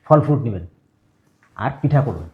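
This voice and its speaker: A man's voice: medium pitch, lively intonation, normal speed, phone-quality sound, natural voice. A young man playing an eager son-in-law who bosses the household around with instructions in a web drama. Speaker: actor. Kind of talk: low-budget web drama acting.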